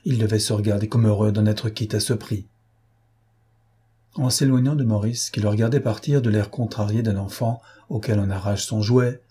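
A man narrating a literary audiobook with a measured, expressive reading. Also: fairly low pitch, husky.

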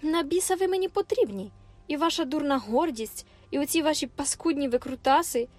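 A sulky, rough young man barks out curses and resentful retorts, as a woman reader puts him on. The voice stays fairly high for a man. Faint music runs under the audiobook reading. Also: lively intonation, fairly quick. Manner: rude and gruff, shouting curses. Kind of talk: audiobook character voice.

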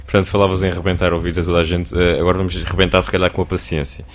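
A man's voice: sits low, level tone, racing. A man with a European Portuguese accent hosting a radio show, playful and joking as he interviews his guest. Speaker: radio host.

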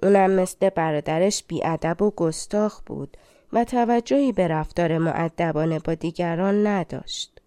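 A woman narrating an audiobook of fairy tales in a gentle, colloquial telling style. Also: lowish voice, no room sound, studio quality. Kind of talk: storytelling narration.

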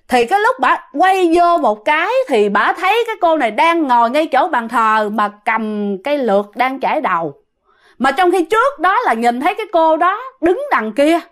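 A high-voiced woman with a Southern Vietnamese accent casually tells a ghost story, frequently speaking directly to her listeners.

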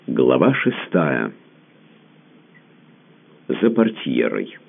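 A man reading classic prose as an audiobook narrator, measured and even. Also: a bass voice, vocal fry, breathy edge. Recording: lo-fi phone-like audio.

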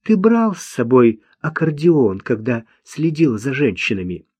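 A man's voice: mid-range voice, big pitch swings, a little slow, a little mellow, slightly rough, no echo. A man voicing a fussy, anxious old woman in an audiobook, in a raised, fretful voice.

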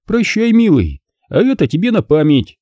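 A man's voice: high voice, wildly swooping pitch, normal speed, mellow, no echo, pitched above the performer's own voice. A man reading an audiobook voices a spiteful, scheming young woman who taunts and sneers. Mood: gloating mockery.

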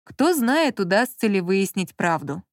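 A woman narrating an audiobook in an even storytelling manner. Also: medium pitch, measured pace, dry recording, clean studio sound.

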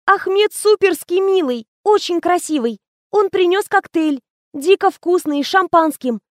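A silly young office girl who gushes and whines through her gossip, as a woman narrator puts her on. The voice sits well above the reader's own, chirpy and high. It comes across dry and close, with no room sound. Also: animated, a little slow, dry recording. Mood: gushing. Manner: gushing, whiny chatter. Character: silly gushing young female PR assistant.

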